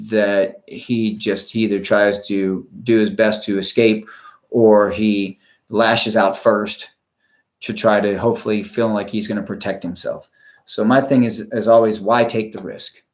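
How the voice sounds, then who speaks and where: A middle-aged man talking about dog training in a casual, rambling way, blunt and plain-spoken, with many restarts and fillers. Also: fairly low pitch. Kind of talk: casual talk, like a live stream.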